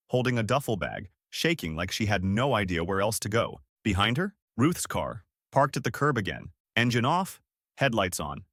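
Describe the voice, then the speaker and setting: A man's voice: lowish voice, fairly bright tone, no room sound, clean studio sound. A middle-aged man narrating a scripted story in a sardonic, wry way.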